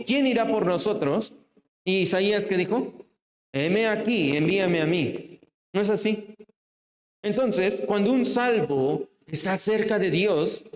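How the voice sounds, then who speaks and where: Mexican man, evangelical preacher, high voice, rhetorical, reverberant hall sound. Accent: Mexican Spanish. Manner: rhetorical questions, drops low and soft for emphasis. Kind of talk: evangelical sermon.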